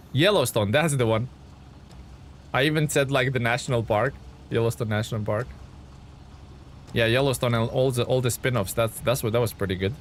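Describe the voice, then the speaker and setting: Chatting loosely on a live game stream, a man from Lithuania reads viewer comments out loud and answers them, leaning on plenty of fillers. He has a medium-pitched voice, and there is slight background noise.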